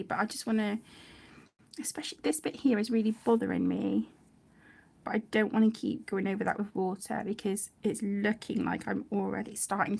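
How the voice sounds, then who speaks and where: This British host of an adult colouring channel has a mid-range, gravelly voice. She keeps up casual, rambling live chat while she colours, often interrupting herself before finishing a thought.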